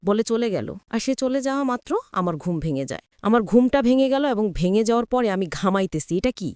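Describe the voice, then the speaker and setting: A woman's voice: on the high side, expressive, fast talker, darkish tone, smooth, no room sound, clean studio sound. A woman narrating a first-person story earnestly, with small hesitations.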